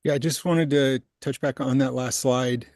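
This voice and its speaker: A man's voice: mid-range voice, steady tone, darkish tone, dry recording, clean studio sound. A male commissioner speaking over a video call whose audio freezes and stutters, so his words break and repeat. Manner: halting, repeats words as the connection cuts out. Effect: choppy video-call audio that freezes and stutters. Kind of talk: public meeting discussion. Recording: distant, glitchy video-call line.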